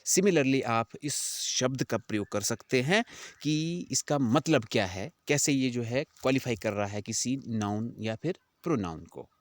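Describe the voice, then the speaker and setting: A man's voice: medium pitch, expressive, dry recording. A man teaching vocabulary, spelling words out and checking that students follow. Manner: slow, deliberate teaching, spelling words out and asking "clear?". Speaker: English teacher. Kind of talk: vocabulary lesson in Hindi and English.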